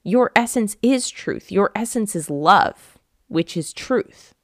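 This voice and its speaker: A woman's voice: medium pitch, animated, slow pace, dry recording, studio quality. A woman hosting her own podcast, speaking earnestly and from the heart straight to her listeners. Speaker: podcast host. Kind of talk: reflective solo podcast talk.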